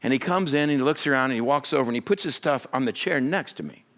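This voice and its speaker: A male pastor telling a comic story in a sermon, animated and rising in pitch as he gets excited. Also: quick pace, a little hiss or hum. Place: church or conference hall.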